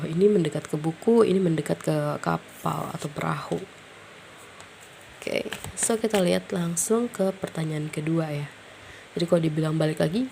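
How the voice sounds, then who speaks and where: Reading tarot casually, this woman thinks out loud, filling pauses often and dropping in English words. Her cold leaves her stuffy and nasal, and her low voice carries vocal fry and a dark tone over a slight hiss or hum.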